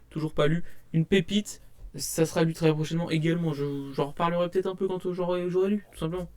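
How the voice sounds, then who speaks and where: Rambling young man, fairly high voice. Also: a little mellow. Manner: rambling, hesitant, many fillers and restarts; self-described shy. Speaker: manga collector showing purchases. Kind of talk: casual haul vlog to camera. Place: at home at a desk. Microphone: desk webcam.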